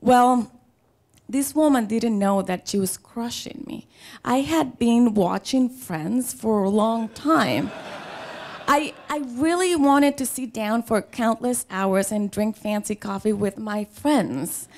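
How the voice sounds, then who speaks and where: A middle-aged woman from the Dominican Republic, speaking with a Dominican Spanish accent as a native Spanish speaker, shares a personal story onstage at a live storytelling show for an audience. She sounds a little high with a darkish tone, playful and conversational with dramatic pauses, and there's a slight hiss or hum.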